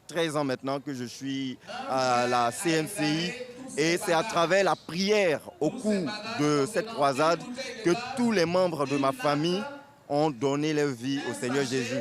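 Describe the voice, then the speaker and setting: A man giving a slow, devout testimony in a news interview. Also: fairly high pitch. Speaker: church member. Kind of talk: interview soundbite.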